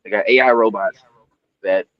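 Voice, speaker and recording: A man co-hosting a casual podcast livestream, telling stories in an animated way and acting out the parts. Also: lowish voice, normal speed, no room sound, lo-fi sound. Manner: animated storyteller, puts on voices for anecdotes. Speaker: podcast co-host.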